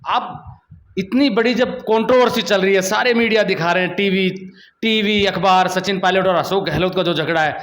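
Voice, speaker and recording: High-voiced man pressing hard questions. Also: normal speed, fairly bright tone. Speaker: journalist interviewer. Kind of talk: political interview.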